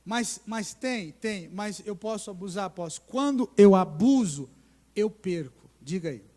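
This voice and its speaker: A man's voice: high-pitched, measured pace. A middle-aged male pastor preaching a sermon, telling stories animatedly and putting questions to the congregation. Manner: animated storytelling with acted voices and questions to the congregation. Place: church sanctuary. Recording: long church-hall reverb.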